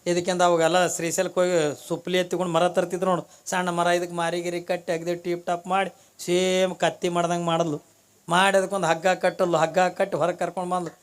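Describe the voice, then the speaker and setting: A man preaches to an audience in a high voice. He tells a comic story and acts out its characters' voices, pausing to put questions to his listeners. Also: flat delivery, clean tone. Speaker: religious speaker.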